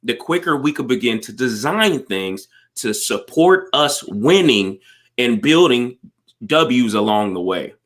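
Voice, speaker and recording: A man speaking as a coach, giving a motivational talk in an animated way. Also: mid-range voice, unhurried.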